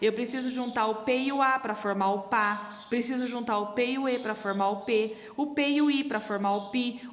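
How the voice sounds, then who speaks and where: A Brazilian woman teaching small children, her voice a touch high as she stretches each syllable out slowly and clearly. The recording is roomy, with a long reverb trailing after her words. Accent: Brazilian Portuguese. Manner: slow, exaggerated syllable-by-syllable sounding out. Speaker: primary school teacher. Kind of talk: remote lesson for young children. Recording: echoey room with long reverb.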